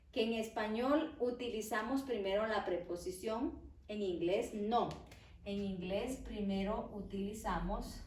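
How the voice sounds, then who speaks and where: A woman teaching an English grammar lesson, explaining slowly and carefully and drawing out each example word. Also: medium pitch, a little mellow, a little hiss or hum. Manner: slow, careful, stretches example words while writing. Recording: echoey room, voice from far off the mic.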